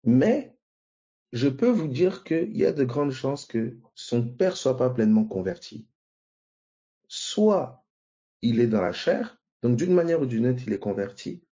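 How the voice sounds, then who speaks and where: A man preaching a sermon, teaching slowly and often asking his listeners if they see what he means. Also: medium pitch, sing-song, warm tone, slightly rough. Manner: slow, repeats and asks the listeners "vous voyez?" often. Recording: dull lo-fi recording.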